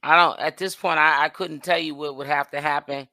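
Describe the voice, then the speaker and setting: Lady chatting on her stream, bright voice, dry close mic, reads comments and trails off. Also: low voice, steady tone, a little fast, dry recording. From Boston, Massachusetts. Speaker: host of a livestream commentary channel. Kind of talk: casual chat reading viewer comments.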